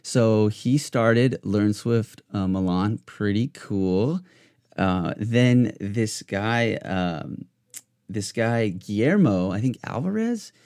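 Low-voiced rambling male podcast host. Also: a little mellow. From United States. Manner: rambling, loose, many fillers and restarts. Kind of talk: casual podcast chat.

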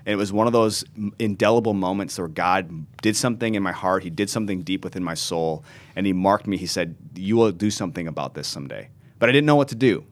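In an interview, a man in his thirties who is a pastor and founded a ministry earnestly recounts his story, frequently restarting what he says. He talks fast in a low-pitched voice.

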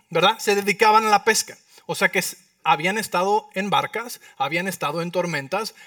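A man preaching a sermon as pastor, lively, often asking the congregation questions. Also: sits high, no echo. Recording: dry sound, mic at a distance.

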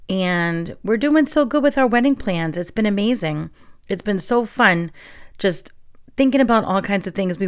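A young New England woman hosts a casual solo podcast, her voice on the low side and clean as she chats and reads aloud while recovering from a sore throat. She's friendly and talkative, dropping fillers and soft laughs.

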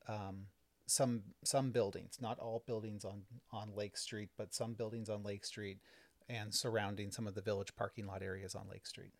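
Male podcast host at home, low dry voice, relaxed explanatory recap of local board meetings. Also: no room sound. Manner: explanatory, chatty, many fillers. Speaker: village trustee and podcast host. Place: home, kids and cats in the house.

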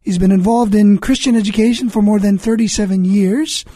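Male radio host, husky and mellow, measured earnest reads, dry studio sound. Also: sits high, steady tone, no echo. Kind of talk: scripted radio introduction and interview.

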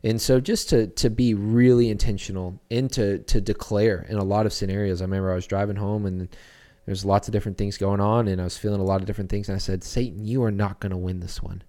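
Young male pastor guest, low warm voice, earnest and searching, lots of ums and restarts. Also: little pitch movement, fast, hardly any pauses. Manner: earnest, reflective, with many fillers and restarts. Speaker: children's church pastor, guest. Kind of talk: casual podcast interview.

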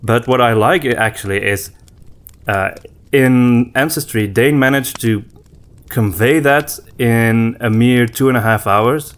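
A podcast co-host with a medium-pitched voice chats casually and reflectively, frequently pausing as he searches for the right words.

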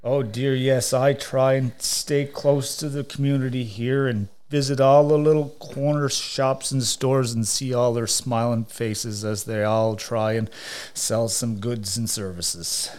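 A man's voice: medium pitch, little pitch movement, unhurried, a little mellow, clear, resonant tone, lightly acted. A man playing jolly old Santa Claus in a podcast interview, chuckling and saying "oh, dear" often.

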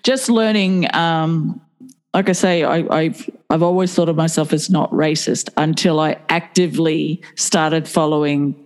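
Lower-pitched middle-aged Australian woman. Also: steady tone, measured pace, a little mellow, poor audio. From Sydney, Australia. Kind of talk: casual conversation.

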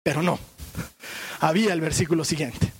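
Male preacher with a high voice; questions his flock, then drops to hushed emphasis. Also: breathy edge. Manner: asks the congregation questions, shifts from brisk to hushed. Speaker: pastor. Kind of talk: sermon.

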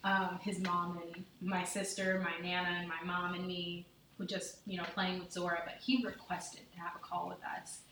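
A woman and mother talking earnestly and deliberately in a candid conversation, heard on a distant mic in an echoey room. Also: lowish voice, flat delivery, background noise. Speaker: podcast guest, mother.

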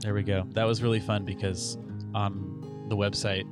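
A man's voice: on the low side, little pitch movement, normal speed, loud music behind the voice. A man hosting a podcast in casual conversation, joking, chuckling often and reading passages aloud. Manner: chuckling, jokey, reads aloud. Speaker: podcast host. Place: Seattle home.

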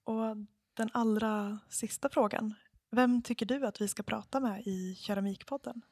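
A woman's voice: on the high side, steady tone, darkish tone, no room sound, studio quality. A woman hosting a podcast interview, supportive, with many short affirmations. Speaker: podcast host. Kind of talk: casual interview chat.

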